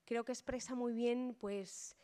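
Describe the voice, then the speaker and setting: A woman's voice: on the high side, steady tone, measured pace, warm tone. A woman lecturer, giving an informal, thoughtful talk with many hesitations. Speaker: humanities lecturer.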